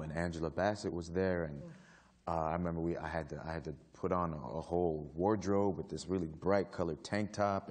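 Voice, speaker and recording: A man on a panel telling a casual story to an audience. He talks haltingly, with many fillers and restarts, and laughs often. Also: low-pitched. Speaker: actor on a panel. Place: stage before a live audience.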